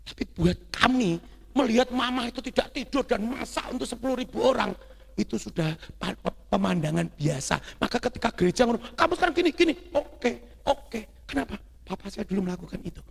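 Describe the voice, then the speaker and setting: A middle-aged man gives a loud, lively religious teaching talk to a congregation, telling stories and often asking the audience to agree. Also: high-pitched, fast, vocal fry, husky. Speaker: lay church speaker.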